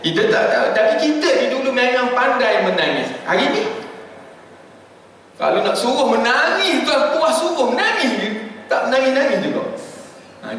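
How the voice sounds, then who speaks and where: A Malaysian man preaches at a dawn lecture in a high, restless voice that swings widely as he teases his listeners. He slows down to chant Arabic verses. The sound comes from a distant mic in a heavily echoing mosque hall with a faint hiss underneath. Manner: animated and joking, addresses listeners as sirs.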